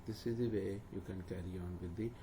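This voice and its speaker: Over a noisy home recording, a tutor with a deep, steady voice moves fairly quickly through an online form in a screen-recorded walkthrough. His explanation is plain and instructive, peppered with frequent fillers, and English is not his native language.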